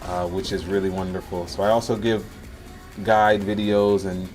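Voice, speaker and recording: A low-voiced man speaks at a moderate pace with a flat delivery. He's an easygoing American livestreamer from Miami, Florida, offering live game commentary against background music and game sounds.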